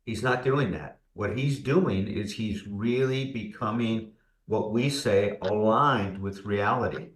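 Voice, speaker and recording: A man co-hosting a podcast, calmly reflecting and explaining ideas. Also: on the low side, slow pace. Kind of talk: casual podcast discussion. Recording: roomy echoing room sound.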